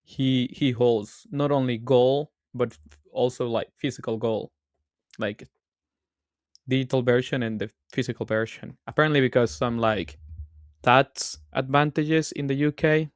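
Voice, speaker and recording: A man's voice: mid-range voice, fairly even intonation, unhurried, no echo. A man co-hosting a casual markets podcast, laid back and leaning on "like" fillers. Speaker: co-host.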